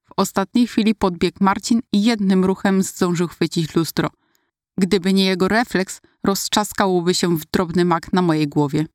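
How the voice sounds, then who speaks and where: A woman reading her own childhood story aloud, in steady, even narration. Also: mid-range voice, normal speed, no room sound, studio quality. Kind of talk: read-aloud personal story.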